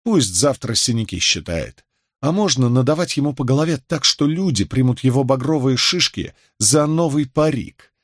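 A man reading a novel aloud as an audiobook narrator, in an expressive, dramatic manner. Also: mid-range voice, no room sound, clean studio sound. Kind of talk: scripted literary narration.

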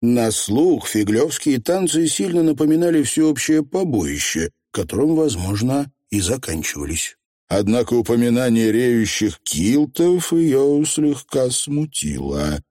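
A man narrating a storybook in a lively, expressive way. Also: medium pitch, measured pace, no room sound, studio quality. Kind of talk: audiobook narration.

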